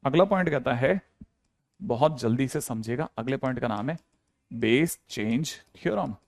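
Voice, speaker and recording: A man's voice: mid-range voice, expressive, moderate pace, gravelly, dry recording, studio quality. A man teaching a maths class, playful and repetitive, talking straight to his students. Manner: playful, repeats key phrases, addresses students directly. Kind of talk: classroom lecture.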